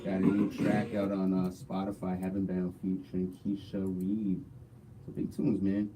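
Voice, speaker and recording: A man's voice: low voice, monotone, normal speed, over music. A man co-hosting a podcast in laid-back, slangy casual chat. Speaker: podcast co-host. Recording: faint room noise.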